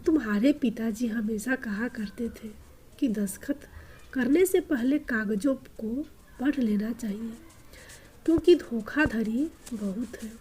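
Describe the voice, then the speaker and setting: A woman voicing a gentle, trusting elderly mother who speaks softly and pleads. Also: fairly high pitch, measured pace, slight background noise, lightly acted.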